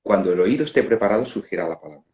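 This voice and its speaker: Hombre, acento español, voz algo grave, charla espiritual meditada, tono de quien piensa en voz alta. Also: male voice, on the low side, lively intonation, a little mellow. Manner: unhurried, musing, laughs at own examples. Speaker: non-duality facilitator. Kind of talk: reflective spiritual talk. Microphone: phone on a live stream.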